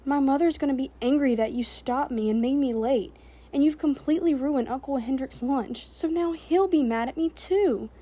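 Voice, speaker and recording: A woman's voice: a little high, expressive, normal speed, warm tone. Woman doing a chattering young girl. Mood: tearful. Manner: raised, chattering girlish voice. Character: young Danish girl, quick-witted and stubborn.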